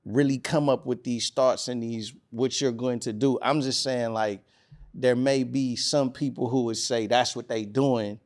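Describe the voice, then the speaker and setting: In a podcast studio, a male host chats in a loose, rambling way, frequently starting over and pressing hard on his points. He speaks unhurriedly in a steady, slightly mellow mid-range voice.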